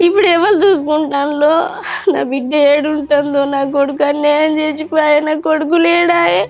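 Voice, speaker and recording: A woman's voice: high-pitched, fairly even intonation, normal speed, muffled recording, faint music behind. A woman playing a weeping old grandmother. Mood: tearful lament. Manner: lamenting, pleading. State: crying. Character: grieving old grandmother missing her granddaughter.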